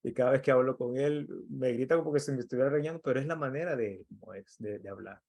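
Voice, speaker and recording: A man's voice: mid-range voice, fast talker, gravelly, a little mellow. A middle-aged man from El Salvador, giving an earnest, conversational motivational talk as an emotional intelligence coach and acting out quoted dialogue.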